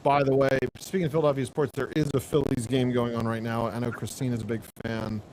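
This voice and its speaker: A man's voice: medium pitch, flat delivery, fast, a little mellow, slight background noise, rough recording. A man on a livestream panel tossing in dry, joking asides. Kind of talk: casual panel chat.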